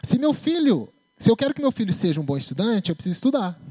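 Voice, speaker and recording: Animated Brazilian man preaching. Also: high voice, fast talker. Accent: Brazilian Portuguese. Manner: conversational, animated preaching with tag questions. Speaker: preacher and psychologist. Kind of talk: sermon. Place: church.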